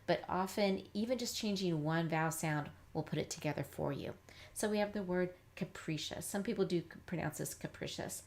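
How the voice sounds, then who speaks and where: Upbeat woman teaching phonics. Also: lowish voice. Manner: sounds words out slowly, upbeat and chatty. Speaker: reading teacher, academy founder. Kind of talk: live phonics lesson.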